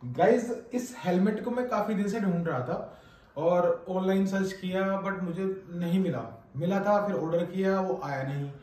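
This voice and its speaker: A man in his thirties from India unboxes and reviews a helmet for his viewers in a small indoor home room lined with shelves of trophies. His voice sits high, unhurried and a little mellow. He chats casually, calls his audience "guys" and "friends," and mixes in English phrases.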